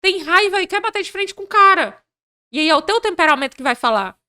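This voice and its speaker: A woman as a podcast guest, talking about leadership in a lively conversational way and acting out the people in her stories. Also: extremely high pitch, quick pace, dry recording, studio quality. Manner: animated, acts out dialogue in her stories. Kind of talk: conversational interview.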